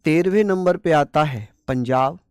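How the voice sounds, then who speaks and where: A man's voice: a little high, measured pace, darkish tone, smooth, dry recording, clean studio sound. A male teacher giving an exam-prep lecture. He quizzes students with call-and-response questions, chants memory tricks by repeating words, and teases the class playfully.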